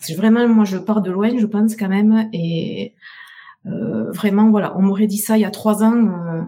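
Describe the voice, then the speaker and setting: A woman's voice: mid-range voice, steady tone, dark tone. A middle-aged woman with a southern French accent, a guest on a live podcast interview who stumbles over and repeats her words as she talks earnestly. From southern France. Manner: halting, repeats words, heartfelt. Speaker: guest, business owner.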